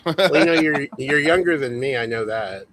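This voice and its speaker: A man's voice: mid-range voice, lively intonation, normal speed, a bit bright, rough recording. Male host in his forties, casual and chatty, on a video call. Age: 40s. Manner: reads viewer comments aloud, chatty. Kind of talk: casual livestream chat.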